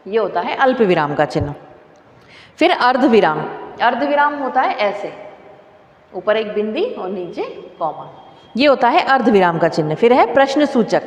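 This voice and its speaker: A woman teaching a classroom grammar lesson, explaining slowly, repeating examples and asking questions. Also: fairly high pitch, muffled recording. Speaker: school teacher. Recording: echoey room with long reverb.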